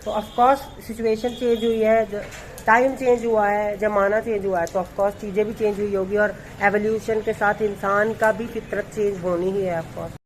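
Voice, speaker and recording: A man's voice: sits high, little pitch movement, normal speed, slight background noise, low-quality recording. Chatty young man from Punjab. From Punjab, India. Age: young adult. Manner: chatty, rambling, playful. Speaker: vlogger and dance content creator. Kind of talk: casual daily vlog.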